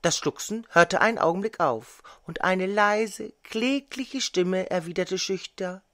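An older woman narrating a fairy tale audiobook in a measured, expressive way. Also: medium pitch, dry recording, studio quality. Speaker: storyteller.

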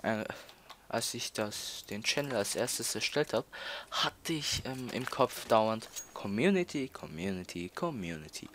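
Halting young guy gaming. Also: on the low side, lively intonation, a bit bright, slight background noise. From Austria. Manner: halting, repeats words, many fillers. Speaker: let's player. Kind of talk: casual gameplay commentary.

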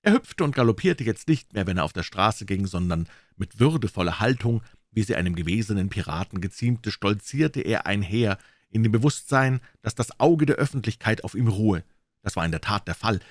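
A man calmly narrating a classic novel as an audiobook reader. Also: lowish voice, normal speed, dry recording, studio quality.

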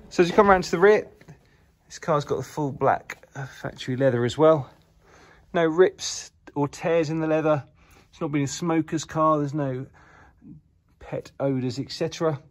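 A man's voice: medium pitch, slight background noise. Upbeat man showing a car. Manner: upbeat salesman patter, filmed while walking. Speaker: car dealer presenting a used car. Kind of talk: walkaround car video. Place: indoor car showroom. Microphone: camera held by the speaker.

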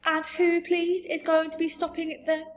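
A woman voicing a big, friendly male giant from a storybook, gentle and boastful, with muddled grammar and emphatic delivery. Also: very high-pitched, completely flat delivery, moderate pace, voice pushed up. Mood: emphatic, warning. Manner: garbled grammar, invented words, emphatic. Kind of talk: storybook character voice.

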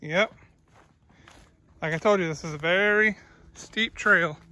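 Walking an outdoor trail in a coastal park, a family vlogger narrates the hike in a chatty way, pointing things out as he goes. His voice sits high and sounds pushed and bright, and he speaks unhurriedly.

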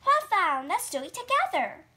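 A woman voicing an excited, eager young male pollywog in a read-aloud storybook, asking bouncy questions. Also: extremely high pitch, moderate pace, voice pushed up, full character voice.

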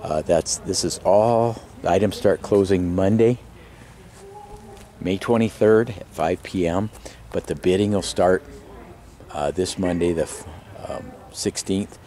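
A man with a deep, dark-toned voice speaks unhurriedly as an auctioneer promoting a sale, narrating off the cuff while walking through a large warehouse showroom and later an outdoor lot. The recording is camcorder audio from a handheld camera mic, with the operator behind the camera and faint background noise.

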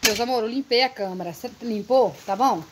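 A woman with a fairly high voice chats away in a casual home vlog, slipping into cooing baby talk. She is affectionate and talkative, now and then bossy with her family. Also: a little fast, noisy background. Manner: coos baby talk at puppies, chatty and affectionate. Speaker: vlogger.

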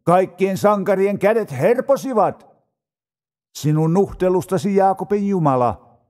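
A man reading psalms aloud in a slow, solemn manner, drawing out his phrases. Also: sits high, a little mellow. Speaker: scripture reader.

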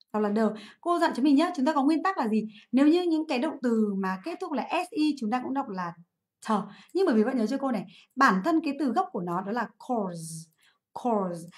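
Lively woman teacher quizzing a class. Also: sits high. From Vietnam. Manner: lively, asks the class questions and answers them herself; drills English words by repeating them slowly. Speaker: English teacher. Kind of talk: livestream exam review lesson.

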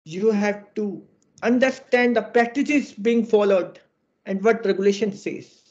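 A high-voiced man with an Indian English accent speaks earnestly and formally, leaning on idioms. He is heard through a screen recording of a video call, and the sound is dull and lo-fi. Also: measured pace, darkish tone. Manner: earnest and exhorting, fond of idioms. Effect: screen-recorded video call audio. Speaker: webinar presenter on electrical safety.

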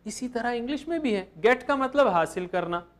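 A man's voice: very high-pitched, animated, moderate pace. A man teaching grammar in a lecture, patiently repeating each example step by step. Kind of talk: classroom lecture.

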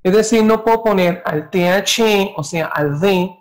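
A woman's voice: medium pitch, normal speed. A woman acting as learner in a beginner English lesson, asking clarifying questions and checking her understanding aloud. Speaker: co-teacher playing the learner.

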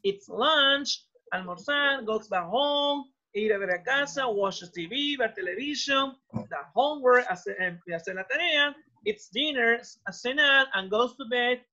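A man's voice: very high voice, lively intonation, slow pace, sharp tone. A man whose first language is Spanish, teaching English to children over a video call, encouraging and repeating each phrase and then translating it. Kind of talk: online class, mixing English and Spanish. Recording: dull lo-fi video call audio.

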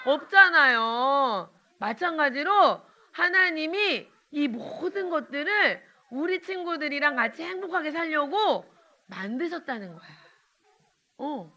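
Woman evangelist, children's sermon, high and very bright, sing-song questions to kids. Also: lively intonation. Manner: slow line-by-line prayer for children to repeat. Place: church.

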